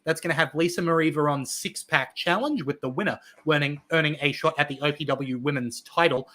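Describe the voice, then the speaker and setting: An Australian man hosting a wrestling podcast, rattling off event listings in a casual chat with excited emphasis. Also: a little high, fairly quick.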